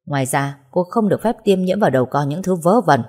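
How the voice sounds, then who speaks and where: A woman's voice: on the low side, lively intonation, quick pace, darkish tone. A woman voicing a wealthy, stern elderly grandfather who lays down orders curtly. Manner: curt, dictating orders.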